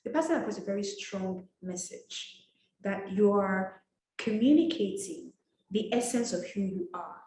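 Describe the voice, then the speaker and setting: Teaching a motivational etiquette masterclass, this coach from Nigeria speaks directly and emphatically, often scolding. Her voice is mid-range with a dark tone, expressive and unhurried, and the recording carries a roomy echo.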